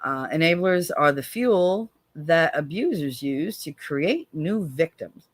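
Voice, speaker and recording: A woman from the United States hosts an easygoing livestream, working through viewer comments with profanity and sarcasm. Her delivery is slow with big pitch swings, alternating between weary lows and sharp jabs, and the recording is dry.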